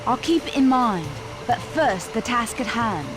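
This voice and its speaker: A woman's voice: on the high side, animated, unhurried, over music. A woman voicing a sly, flirtatious tiger police constable in a cartoon video game, poised and teasing.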